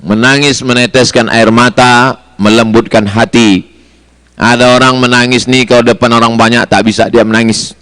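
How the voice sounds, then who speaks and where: A man's voice: mid-range voice, little pitch movement, moderate pace, fairly bright tone. A man preaching a sermon to pilgrims, mixing storytelling with chanted Arabic phrases and rising, emphatic lists. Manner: chanting Arabic phrases in a sing-song melody.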